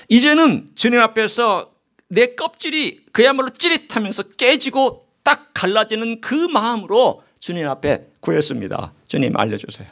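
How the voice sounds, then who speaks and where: A middle-aged man preaching a sermon with a lively, rising and falling delivery that drops to near-whispers and then climbs to emphatic peaks. His voice sits a little high for a man. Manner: animated preaching, swings from hushed whispers to raised exclamations. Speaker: pastor.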